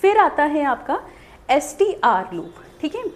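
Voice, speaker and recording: Lively high-voiced woman teaching shorthand. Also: a little slow. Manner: explains step by step, asks questions then answers them. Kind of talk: video lesson.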